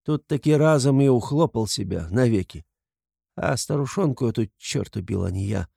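A man playing a tormented, gloomy young man who speaks bitterly and often quietly in a storybook reading. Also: medium pitch, expressive, normal speed, vocal fry, breathy edge, no echo, clean studio sound, heavily acted.

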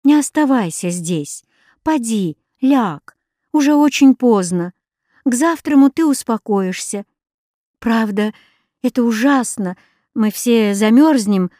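A woman voicing a timid, gentle girl who is the tearful older sister, pleading softly in an audiobook. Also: fairly high pitch, animated, slow pace, dry recording, studio quality. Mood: coaxing. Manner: soft pleading.

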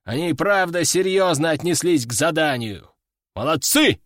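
A gruff mustached army general with a short fuse, growling and barking his orders, as a male narrator puts him on. The voice leaps up and down with lively swings of pitch, recorded close and dry, like a storybook reading. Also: moderate pace, dry recording. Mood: angry, barking.

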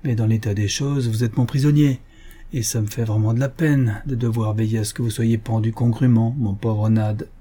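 Man reading as a young frontier scout, curt, commanding, husky, mellow, storybook adventure. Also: mid-range voice, steady tone, normal speed, natural voice. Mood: stern. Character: Bill Cody, young frontier scout, brisk and stern.

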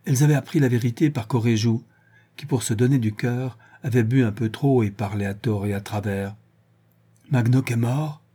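Male narrator, warm dark tone, slightly husky, literary audiobook. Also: medium pitch, fairly even intonation, fairly quick.

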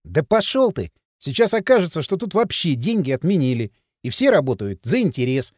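A man's voice: a little high, sing-song, fairly quick, a little mellow, no room sound, clean studio sound. Man voicing a sulky, sarcastic teenage boy. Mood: scoffing. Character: grumpy restless teenage boy Kirill. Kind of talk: audiobook character reading.

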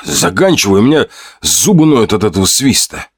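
A man reading aloud, voicing a gruff, frightened male trader who talks roughly and shouts. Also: lowish voice, sing-song, fairly quick.

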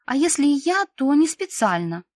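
A woman narrator plays a cheeky young teacher, bold even when nervous, her lines pitched higher and pushed louder with eager excitement. The sound is close and dry. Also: normal speed, no echo.

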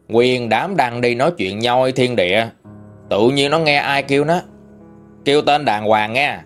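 Lively Southern Vietnamese male storyteller. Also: mid-range voice. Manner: lively, colloquial, expressive storytelling. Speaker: ghost story narrator. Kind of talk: storytelling narration.

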